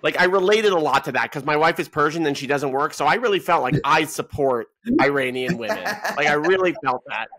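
A man's voice: fairly high pitch, animated, fairly quick, few pauses, a bit bright. A man in his thirties hosting a casual interview over a video call, upbeat and prone to repeating himself. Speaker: host. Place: indoor room, video call. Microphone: webcam on video call.

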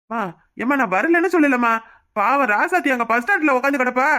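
A woman's voice: sits high, lively intonation, fast, sharp tone. A woman voicing a grown son in a cartoon comedy, who is torn between his mother and his wife and tries to placate them. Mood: placating. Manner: hedging, placating.

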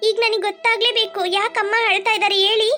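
A woman's voice: very high-pitched, level tone, quick pace, bright, forceful tone. [name], a woman doing a persistent cartoon girl. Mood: insistent. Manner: insistent questioning. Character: curious older daughter, persistent. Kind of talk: cartoon voice acting.

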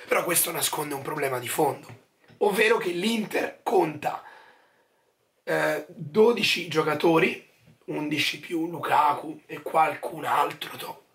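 A man in his twenties with a hoarse, nearly lost voice, giving halting, emphatic football commentary in a casual style. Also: a little high, fairly bright tone. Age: 20s. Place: small furnished room at home, indoors.

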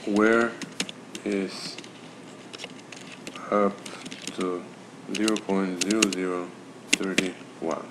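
A man talking slowly through engine measurements in a workshop tutorial, pausing and filling gaps as he works out numbers. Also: low-pitched, fairly even intonation, very noisy. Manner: methodical, talking through numbers with pauses and fillers. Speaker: home mechanic explaining engine measurements. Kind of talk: step-by-step tutorial narration.

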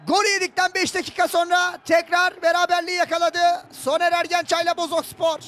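A man giving live football play-by-play, screaming with excitement and stretching out his words as a commentator at a goal. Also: very high voice, a little fast, slight background noise.

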